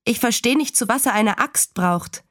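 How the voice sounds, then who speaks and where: A woman's voice: moderate pace, fairly bright tone, dry recording, studio quality, close to an everyday voice. A woman doing an upset eight-year-old girl. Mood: puzzled. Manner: pleading, high and agitated.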